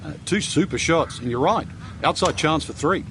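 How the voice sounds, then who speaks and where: A man's voice: a little high, lively intonation, normal speed. A man giving conversational golf commentary as an analyst, explaining the shots and the course. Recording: clear outdoor background noise.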